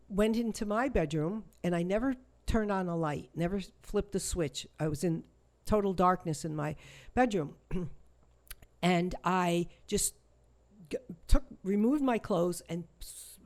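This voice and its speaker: A woman, a shamanic healer, telling a personal story in an interview, halting and emotional, with many restarts and repetitions. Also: mid-range voice, darkish tone.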